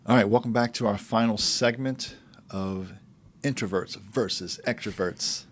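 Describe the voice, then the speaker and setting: A man hosting a podcast, speaking in an easygoing, halting way with small asides. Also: lowish voice. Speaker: podcast host. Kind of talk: casual conversational podcast.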